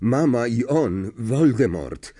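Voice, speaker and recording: Husky guy reading a storybook, lots of pitch movement. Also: slow pace. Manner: expressive, animated reading with small slips. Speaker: audiobook reader. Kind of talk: storybook narration.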